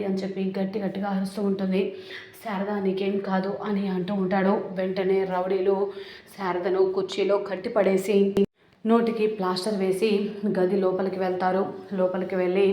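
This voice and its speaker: A woman retelling a TV serial episode in a steady storytelling manner, reading the characters' lines in her own voice. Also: medium pitch. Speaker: serial recap narrator. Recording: roomy echo.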